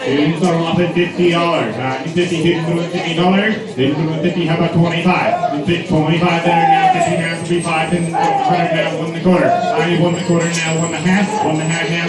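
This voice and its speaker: A man working as an auctioneer at a live auction, calling bids in a repetitive patter of numbers. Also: a little high. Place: large echoey venue with a crowd. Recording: echoey hall from far off, crowd noise.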